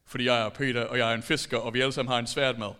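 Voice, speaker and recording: A man's voice: medium pitch, level tone, pushed and bright, clear, resonant tone, pitched below the performer's own voice, close to an everyday voice. A man voicing a blunt, stubborn male fisherman apostle, speaking emphatically, with long hall reverb. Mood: insistent. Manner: emphatic, insistent.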